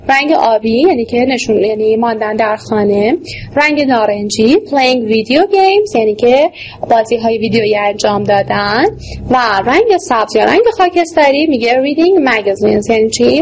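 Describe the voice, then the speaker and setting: A woman English teacher walking through textbook exercises, explaining in Persian, reading English words slowly and answering her own questions. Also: a little high, slight background noise. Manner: asks rhetorical questions and answers them.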